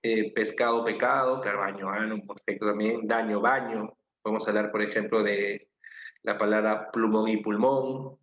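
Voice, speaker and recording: A man's voice: fairly low pitch, fairly even intonation, moderate pace, a bit bright. A man with a Peruvian Spanish accent, teaching an online class. He explains patiently, repeats key phrases and checks in with his students. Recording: roomy, slightly dull with faint noise.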